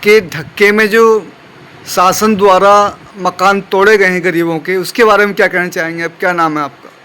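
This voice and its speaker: A man, a local reporter asking brisk, quick questions. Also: sits high, fairly even intonation, pushed and bright, clear, resonant tone, poor audio.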